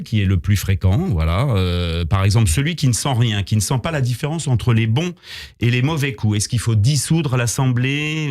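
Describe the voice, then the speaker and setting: A man reading a scripted comic column on the radio in a small studio, with wry, deadpan asides. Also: mid-range voice. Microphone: studio microphone.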